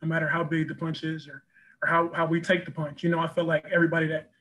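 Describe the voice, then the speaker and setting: Poor audio captures a young college basketball player on a post-game press video call from an indoor press backdrop room. His voice is a little high and fairly bright with little pitch movement, and he talks quickly, earnestly, often saying "you know" and repeating himself.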